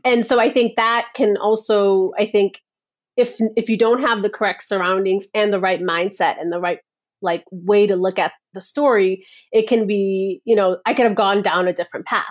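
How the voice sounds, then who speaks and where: A woman's voice: mid-range voice, fairly even intonation, normal speed. A woman from Nepal, a guest on a podcast interview, speaking earnestly and reflectively, often stringing thoughts together with "like" and "and so.". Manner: earnest, reflective, many "like" and "and so" fillers. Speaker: guest, personal power coach.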